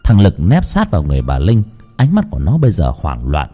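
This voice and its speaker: Dark husky storyteller. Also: male voice, low-pitched, huge pitch swings, fairly quick, faint music behind. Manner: dramatic, suspenseful, wide-ranging delivery. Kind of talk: ghost story narration.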